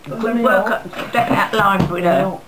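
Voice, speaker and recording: A woman's voice: medium pitch, fairly even intonation, measured pace, heavy background noise. A woman of ninety-eight tells stories of her past in a chatty, rambling way, acting out bits of dialogue. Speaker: interviewee recalling her wartime life. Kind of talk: casual spoken reminiscence. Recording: busy background chatter around the voice.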